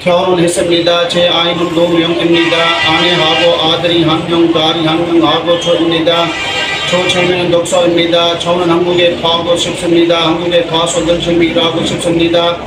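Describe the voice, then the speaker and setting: A man's voice: a little high, monotone, normal speed. A man in his thirties recites a memorized self-introduction as a test candidate, in an echoey, noisy room. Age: 30s. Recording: echoey room, distant mic, loud noise.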